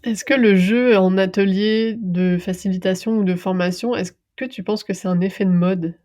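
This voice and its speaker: A woman hosting a podcast interview, asking measured questions about games in training. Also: medium pitch, fairly even intonation, a little mellow.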